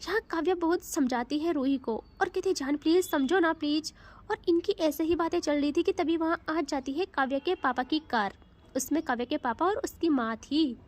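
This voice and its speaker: A woman storyteller narrating a romantic audio story in a chatty way, with conversational asides. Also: high voice.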